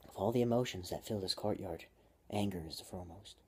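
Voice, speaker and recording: A man's voice: deep voice, quick pace, a little hiss or hum. A man reading his own story aloud, stopping often to joke and comment on his writing. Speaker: amateur writer and vlogger.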